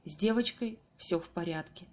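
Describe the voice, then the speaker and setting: A woman reading an audiobook voices a calm, sympathetic male surgeon who speaks in a measured, soothing way. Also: lowish voice, lightly acted.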